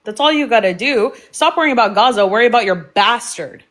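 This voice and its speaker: A woman's voice: fairly high pitch, expressive, fast talker, a bit bright. Dismissive, sarcastic woman. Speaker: livestream debate panelist. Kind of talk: heated live-stream argument.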